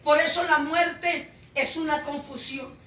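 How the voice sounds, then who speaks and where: Woman preacher, Pentecostal testimony, shouts then hushes; recorded far off in a roomy space. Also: high voice, fairly even intonation, a little slow. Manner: impassioned, swings between shouting and hushed. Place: church home meeting. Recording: echoey room, voice from far off.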